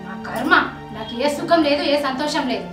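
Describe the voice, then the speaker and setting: A woman's voice: sits high, lively intonation, brisk. A woman with a Telangana accent playing a cruel, two-faced young daughter-in-law who snaps harshly and turns sugary when watched. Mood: cruel, scornful. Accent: Telangana Telugu. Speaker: actress. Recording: echoey room, mic far off, music.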